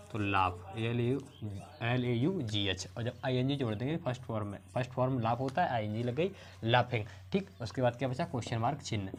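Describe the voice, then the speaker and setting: A male teacher works through grammar examples with his class, one step at a time. He keeps checking with his pupils whether they have understood, and he slows down to spell out words. His voice sits at an ordinary middle pitch. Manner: explains step by step, asks the pupils questions again and again.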